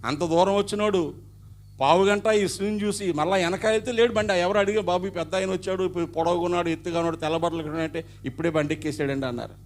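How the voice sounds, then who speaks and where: A middle-aged man, preaching a sermon as a pastor and telling his own story. He swings from loud passages to hushed ones. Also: high-pitched, steady tone, rapid-fire. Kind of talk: sermon with personal testimony.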